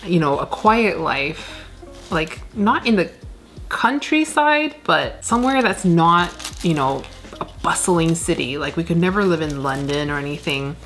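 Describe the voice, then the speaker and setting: A woman's voice: low voice, animated, measured pace, a bit bright, soft background music. A woman, chatting casually while repotting plants at home, rambling with lots of fillers. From Canada. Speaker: plant vlogger. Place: indoor plant room, shelves of plants. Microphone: camera on desk, medium framing.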